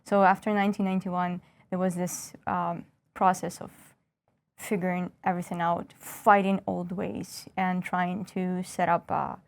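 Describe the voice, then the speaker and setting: A woman's voice: on the low side, little pitch movement, a little slow, gravelly. A woman in her thirties from northwest Ukraine, a stand-up comedian with a Ukrainian accent, chatting as an interview guest with wry, self-mocking jokes. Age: 30s. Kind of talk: casual interview chat.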